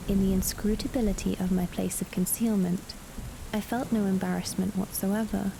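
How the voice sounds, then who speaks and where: A woman with a soft, gentle, sometimes breathy voice reads a gothic tale in a measured ASMR style. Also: mid-range voice, noisy background. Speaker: story narrator. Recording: loud rain and storm sounds. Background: rain and storm ambience.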